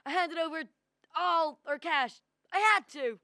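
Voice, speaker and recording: A woman's voice: very high-pitched, measured pace, bright, forceful tone, no room sound, studio quality, exaggerated voice. A teenage girl acting a flustered, panicky uncle in an amateur radio drama, fretful and exclaiming. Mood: panicked. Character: flustered, panicky older uncle working at a small loan firm.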